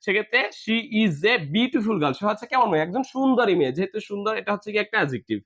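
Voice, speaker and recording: High-voiced male teacher spelling words aloud. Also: very animated, quick pace, a bit bright. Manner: spells words letter by letter, asks and answers own questions. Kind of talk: classroom grammar lesson.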